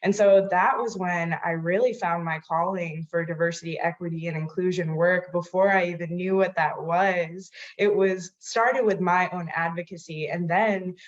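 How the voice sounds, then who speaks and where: A woman with a lowish voice speaks in a measured, earnest way as she tells her own story. She grew up in New York. The audio comes across dull and muffled. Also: fairly even intonation. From New York, United States. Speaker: guest, inclusion administrator. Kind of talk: reflective personal account.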